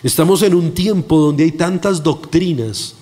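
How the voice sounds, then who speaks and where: A man's voice: on the high side, unhurried, dark tone. A male preacher giving an earnest, emphatic sermon with personal testimony, acting out the quoted voices, in a church. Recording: long echo of a large hall.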